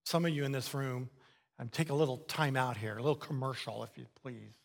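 A man preaching a sermon as a pastor, animated and emphatic, repeating phrases to drive them home. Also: medium pitch, brisk, creaky. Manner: animated, acts out little dialogues, repeats for emphasis. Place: church sanctuary. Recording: long reverb of a large hall.

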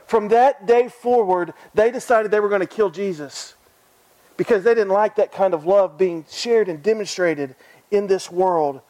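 Earnest high-voiced male preacher. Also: darkish tone, no room sound, low-quality recording. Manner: earnest, repeats phrases, asks the listeners questions. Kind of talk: sermon.

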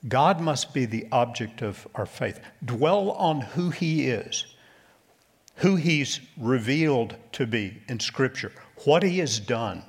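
A man preaching a sermon to his congregation, slow and deliberate, often dropping his voice low and soft for emphasis. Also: animated, husky. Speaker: pastor.

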